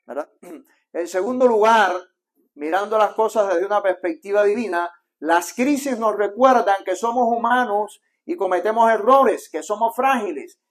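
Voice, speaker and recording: Cuban pastor preaching with rising force. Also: male voice, sits high, moderate pace. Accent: Cuban Spanish. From Cuba. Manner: conversational preaching, acts out quotes softly then builds in volume. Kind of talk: sermon. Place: church sanctuary.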